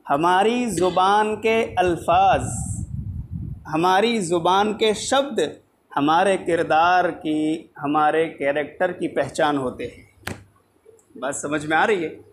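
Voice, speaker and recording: A man preaching a Friday sermon in a mosque, emphatic and repeating his key lines for the congregation, clearing his throat now and then. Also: high voice, takes it slowly, long pauses.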